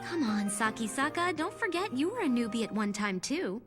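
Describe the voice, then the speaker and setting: A woman voicing a patient, gently teasing young guild organiser in a video game, reasoning and placating. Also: a little high, sing-song, brisk, music in the background. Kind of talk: English video game voice acting.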